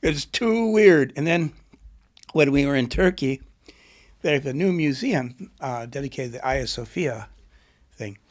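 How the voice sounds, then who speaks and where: A middle-aged man, both author and poet, reflects and rambles while thinking aloud in a conversational interview. He has a mid-range voice with lively intonation, speaking unhurriedly and pausing often.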